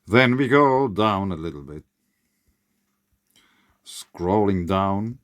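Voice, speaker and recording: A man's voice: low-pitched, expressive, slow pace, fairly bright tone, no echo. Man with whistling s sounds, dry recording. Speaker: independent researcher presenting own papers. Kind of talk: reading own paper aloud with informal asides.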